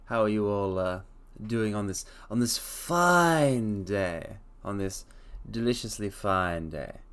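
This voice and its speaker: His voice is lowish, clean and animated, and he takes his time. In a playful, theatrical live-stream chat he speaks to his viewers as "mortals," humming softly in the gaps.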